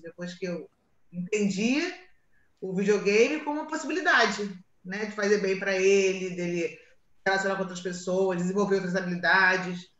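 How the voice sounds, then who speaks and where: A woman teacher and mother telling stories in a casual online meeting, lively and quoting her children. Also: a little high. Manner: animated storytelling, quoting her sons. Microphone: video call. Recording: dull roomy video call audio.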